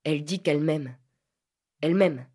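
A troubled teenage boy broods in a low, muted inner voice, as a woman reader puts him on. He sounds quiet and withdrawn, from a storybook reading. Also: moderate pace. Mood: uneasy.

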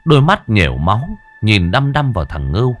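A man's voice: fairly low pitch, sing-song, fairly quick, soft background music. A man narrating a ghost story in a dramatic storytelling manner.

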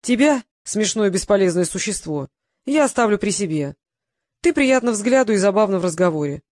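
The audiobook narrator voicing a cold, imperious male transparent god who speaks in measured pronouncements. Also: mid-range voice, animated, darkish tone, no room sound, studio quality, close to an everyday voice.

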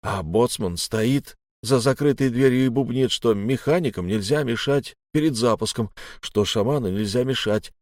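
A man voicing a frightened young male sailor who speaks in anxious, hushed bursts. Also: mid-range voice, normal speed, few pauses, no echo, clean studio sound, close to an everyday voice. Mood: scared.

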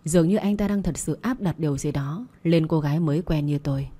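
Brief: a woman storyteller, soft dark tone, steady and calm. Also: sits low, a little fast, slightly rough. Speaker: audiobook narrator. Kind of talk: first-person story reading.

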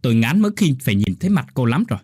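A man's voice: medium pitch, big pitch swings, rapid-fire, a little mellow, slightly rough, no echo, studio quality. A man voicing an arrogant, angry husband who scolds his wife harshly and with contempt. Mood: contemptuous anger. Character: angry arrogant male sales director husband.

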